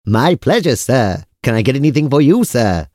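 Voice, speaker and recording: A man's voice: mid-range voice, sing-song, moderate pace, darkish tone, dry recording, studio quality, close to an everyday voice. A man playing an obliging, formal restaurant waiter with polite, eager service patter in a comic audio drama. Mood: eager to please.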